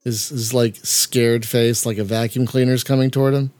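A man in a dry, close-miked space chats casually as he plays a game. He reacts aloud to what he sees on screen and often restarts his sentences mid-thought. His voice has a mid-range pitch. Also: level tone, moderate pace, darkish tone, no room sound. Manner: reacts aloud while playing, stumbling restarts. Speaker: podcast host playing a game on stream. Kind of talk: casual gameplay chat.

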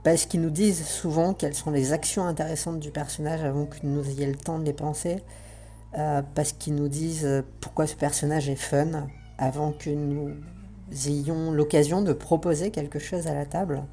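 Low, mellow woman through a voice changer. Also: steady tone, moderate pace. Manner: earnest, reflective, searching for words. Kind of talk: spoken essay on roleplaying games.

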